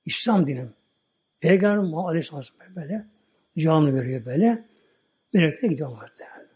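A man preaching a sermon, telling a story in a folksy, repetitive, animated way. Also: a little high, a little fast, husky.

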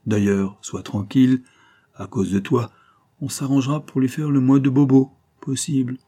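Scheming ruthless villainess, as a male reader puts her on, commanding, gloating, dark husky tone. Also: medium pitch, fairly even intonation, normal speed, voice pushed up, natural voice. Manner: commanding, triumphant, hissing asides. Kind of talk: audiobook character reading.

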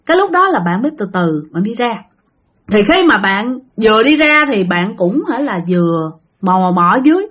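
A woman tells a ghost story in a chatty, conversational way, turning to her listeners as she goes. Her voice sits high and moves in lively, animated rises and falls. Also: a little fast. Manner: chatty, addresses listeners directly. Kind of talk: spoken ghost story narration.

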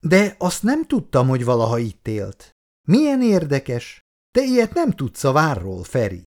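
A man reading a story aloud, voicing an eager, cheerful young woman in raised girlish tones. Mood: lively. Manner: excited, high-pitched girlish lines. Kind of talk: read-aloud story dialogue.

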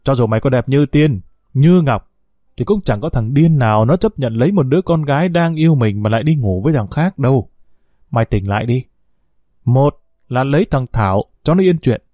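A man's voice: medium pitch, animated, fairly quick, no echo, studio quality, natural voice. A man voicing an angry older brother berating his sister. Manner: harsh, shouting down.

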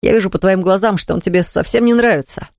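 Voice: mid-range voice, fast talker, a little mellow, no echo, studio quality, lightly acted. A reader voicing an ardent young man who earnestly begs his sweetheart. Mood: imploring. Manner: earnest, imploring.

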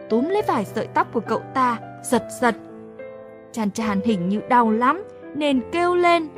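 A woman narrating a first-person story in a lively, exasperated comic tone. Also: fairly high pitch. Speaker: audiobook narrator.

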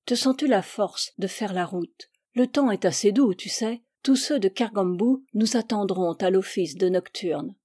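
A woman voicing a gruff, tipsy peasant father. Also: medium pitch, measured pace, hardly any pauses, warm tone. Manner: grumbling, thick-tongued.

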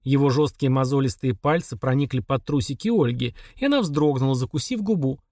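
An audiobook reader delivers scripted narration in a measured, even storytelling manner. His medium-pitched voice comes through a dry, clean studio recording.

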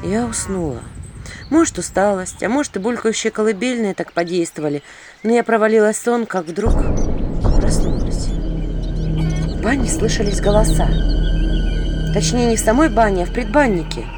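Female audiobook narrator, wry and expressive storytelling over music. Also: mid-range voice, moderate pace, pauses often.

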